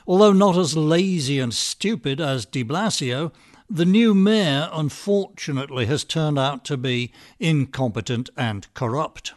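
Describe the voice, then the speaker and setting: A man giving scripted political commentary with a dry, sardonic, measured delivery. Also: fairly high pitch. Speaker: podcast commentator.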